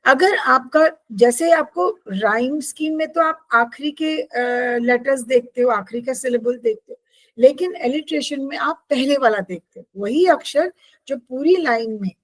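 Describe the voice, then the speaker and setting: High-voiced woman teacher, dry close sound. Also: lively intonation, measured pace, no echo, poor audio. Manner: patient, checks in with students often. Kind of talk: online class explaining literary devices.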